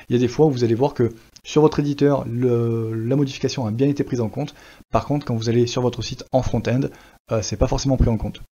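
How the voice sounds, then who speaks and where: Relaxed French man walking through a tutorial. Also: mid-range voice. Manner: relaxed, chatty, many fillers and restarts. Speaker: WordPress tutorial presenter. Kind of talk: casual screen-recorded tutorial. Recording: slightly dull lo-fi sound.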